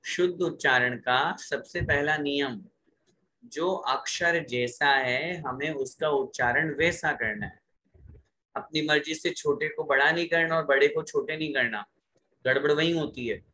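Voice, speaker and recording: Slow-chanting man teaching pronunciation. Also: on the high side, pushed and bright, poor audio. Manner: slow drawn-out recitation alternating with brisk explanation. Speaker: religious recitation teacher. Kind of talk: pronunciation lesson with call-and-repeat chanting.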